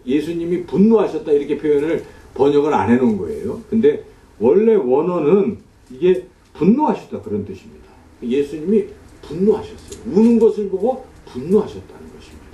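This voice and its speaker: Man, pastor, sermon, rhetorical questions, dark mellow voice, roomy echo. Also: on the high side, recorded from a distance. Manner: explains scripture with rhetorical questions to the congregation. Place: church sanctuary.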